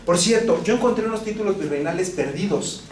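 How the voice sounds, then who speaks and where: A man's voice: high voice, a little fast, darkish tone. A Mexican man giving a casual, anecdote-filled law lecture to a class, peppering his talk with rhetorical questions. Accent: Mexican Spanish. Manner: conversational, anecdotal, frequent rhetorical "¿no?". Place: university classroom. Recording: echoey classroom, distant mic, noisy.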